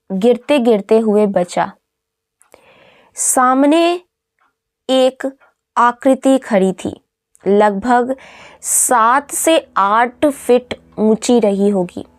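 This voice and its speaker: Very slow woman horror storyteller. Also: a little high. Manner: slow, suspenseful, dramatic pauses. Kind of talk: scripted horror narration.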